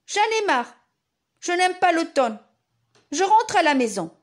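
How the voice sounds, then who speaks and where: A woman's voice: very high-pitched, very animated, a little slow, voice pushed up, full character voice. A woman voicing a glum, stubborn little boy in a children's story, simply and plaintively, as if reading to a toddler. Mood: sulky.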